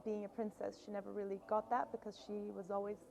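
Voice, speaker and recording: A filmmaker from Brazil being interviewed at a film festival, answering thoughtfully with frequent pauses. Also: female voice, mid-range voice, completely flat delivery, creaky, crowd noise, rough recording. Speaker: filmmaker guest.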